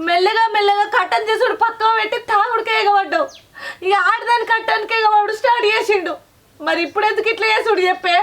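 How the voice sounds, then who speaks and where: A woman with a Telangana accent speaks in a very high voice, tearful and pleading. She is heard from some distance off the microphone. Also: a bit bright. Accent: Telangana Telugu. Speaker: wife complaining about her husband. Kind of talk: short film acting.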